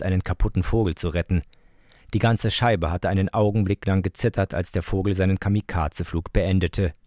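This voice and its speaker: A man narrating an audiobook in the first person with calm, even storytelling. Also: low-pitched, no room sound, studio quality.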